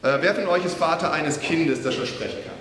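Man, preacher, sermon, high bright voice, casual storytelling, long hall reverb, faint hiss. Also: fairly quick. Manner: lively storytelling, addresses the audience, casual slang.

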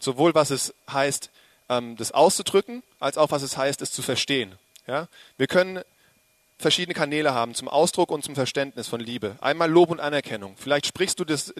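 A man delivers a sermon in a lively, joking way and turns straight to his listeners. His voice sits a little high for a man. The sound is dry and close, with almost no room echo. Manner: lively, joking, addressing the congregation directly. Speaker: preacher.

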